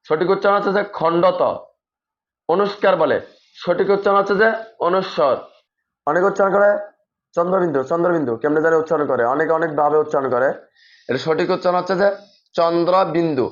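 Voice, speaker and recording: A man with a fairly high voice teaches the Bangla alphabet slowly, letter by letter. He keeps setting a wrong pronunciation against the right one in a repetitive classroom manner. The recording sounds dull and lo-fi. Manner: addresses viewers as brother, repetitive teaching phrases. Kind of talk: pronunciation lesson.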